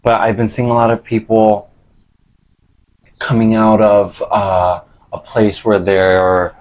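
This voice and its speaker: Male vlogger, low-pitched voice, loose sweary slang, casual rambling monologue. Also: little pitch movement, slow pace, a little mellow. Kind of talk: casual rambling chat to camera.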